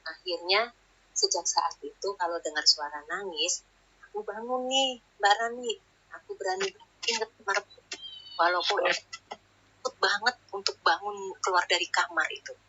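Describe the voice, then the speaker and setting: A woman's voice: fairly low pitch, measured pace, sharp tone, a little hiss or hum. A woman telling a spooky personal story in a chatty, casual way, ending lines with filler tags, over lo-fi online audio. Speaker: guest storyteller. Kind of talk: casual spoken ghost story.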